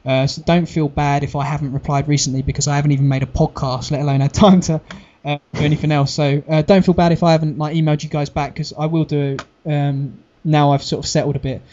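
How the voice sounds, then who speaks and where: Young man, podcast co-host, higher-pitched voice, muffled lo-fi sound. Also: level tone, quick pace, darkish tone. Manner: laughs a lot, crude banter. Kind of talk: casual chat. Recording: dull lo-fi podcast recording.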